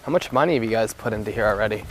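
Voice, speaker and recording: A man's voice: fairly low pitch, racing, poor audio. A man in casual conversation, speaking as an investor on a site visit. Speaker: investor asking questions. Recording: loud vehicle noise on location.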